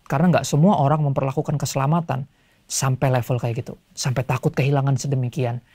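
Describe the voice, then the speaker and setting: A male pastor giving a casual sermon to young people, telling stories in relaxed everyday slang. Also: mid-range voice, quick pace, no echo. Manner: chatty storytelling in everyday slang; acts out voices in quotes.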